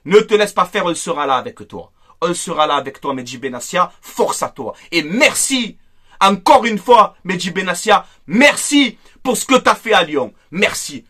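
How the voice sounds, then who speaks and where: A man's voice: high-pitched, sing-song, moderate pace, sharp tone. A man delivering an angry, emphatic fan rant to camera, repeating himself for force. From Marseille, France. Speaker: football fan vlogger.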